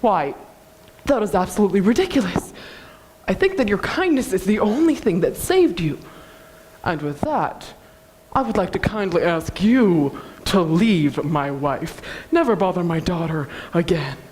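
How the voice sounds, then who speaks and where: A woman's voice: on the low side, very animated, measured pace, a little mellow, voice pushed down. A woman voicing a stern, protective father in a told folktale, speaking formally and indignantly. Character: stern protective father, middle-aged man. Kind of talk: storytelling performance.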